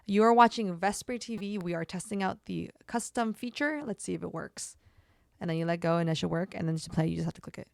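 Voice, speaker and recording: A woman's voice: fairly low pitch, fast talker, gravelly, dry recording. A young woman, a streamer, chatting through a casual product review with lots of fillers and an upbeat manner. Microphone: desk microphone.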